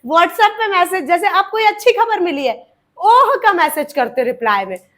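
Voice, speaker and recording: A woman's voice: extremely high pitch, lively intonation, moderate pace, a bit bright. A woman teacher, explaining grammar to exam students and acting out example sentences. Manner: explains with acted examples, calls students "beta".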